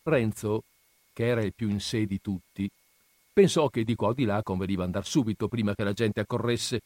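A man giving an expressive, dramatic reading of a classic novel. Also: on the low side, fairly quick, dry recording. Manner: dramatic, animated storytelling. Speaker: reader.

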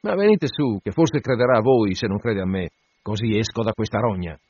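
A man's voice: lowish voice, animated, a little fast, slightly rough, dry recording. Irritable ship's mate giving curt answers, read by a male narrator, dull muffled sound. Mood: grumpy. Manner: curt, sullen replies. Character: grumpy foreign ship's mate, sullen and irritable. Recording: dull lo-fi dry recording.

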